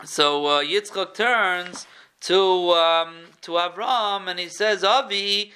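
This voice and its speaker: An animated man giving a Torah class, with a higher-pitched, bright and forceful voice. He teaches with lively energy and acts out each quote he tells. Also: takes it slowly, clean tone.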